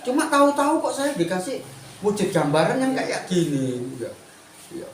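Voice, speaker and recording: A man's voice: high voice, moderate pace, echoey room, a little hiss or hum. Man giving a spiritual talk. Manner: animated, mixes Indonesian and Javanese, chatty asides. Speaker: spiritual teacher. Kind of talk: spiritual talk, addressing listeners.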